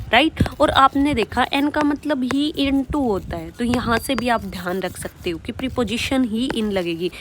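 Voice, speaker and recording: A woman's voice: fairly high pitch, background noise. Hindi-speaking woman teaching English vocabulary. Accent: Indian English. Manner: explains patiently, checks in with "right?"; reads example sentences slowly and carefully. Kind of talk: online exam-prep lesson.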